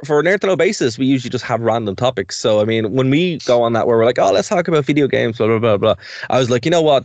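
A young Irish man co-hosts a community radio show, his medium-pitched, slightly mellow voice captured in a dry recording. He chats casually and rambles, laughing easily between points.

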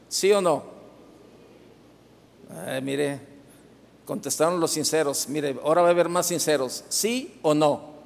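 High-voiced Mexican pastor in a reverberant hall. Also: male voice, slow pace, vocal fry, long pauses. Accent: Mexican Spanish. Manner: storytelling with many restarts and asides to the congregation. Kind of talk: sermon. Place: church hall.

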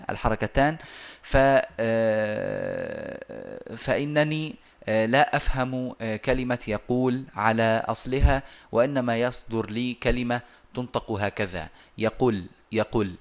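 A man teaching a lesson over a video call, explaining step by step and pausing often on drawn-out hesitations. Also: mid-range voice. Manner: measured and methodical, with frequent drawn-out hesitations.

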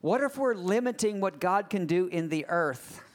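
A man preaching a sermon in short phrases, pausing after each for his interpreter. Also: high voice, lively intonation.

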